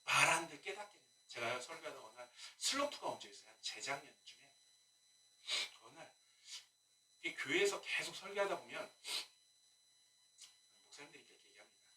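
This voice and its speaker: A male pastor preaching a sermon in a lively way, with rhetorical questions and humorous asides. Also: fairly high pitch, a little fast, pauses often. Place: church sanctuary. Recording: echoey room, mic at a distance.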